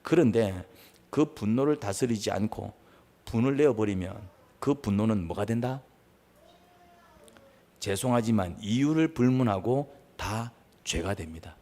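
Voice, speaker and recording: A male pastor preaching a sermon, asking the congregation questions and acting out quarrels in raised voices. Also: unhurried. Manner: animated, asks the congregation questions, acts out quarrels in high voices.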